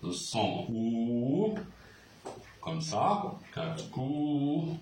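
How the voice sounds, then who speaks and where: A man gives a slow, patient lesson and often repeats words as he writes. His voice rises and falls a lot. He sounds distant and roomy, with a faint hiss behind him. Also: mid-range voice, animated, darkish tone. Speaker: Arabic teacher.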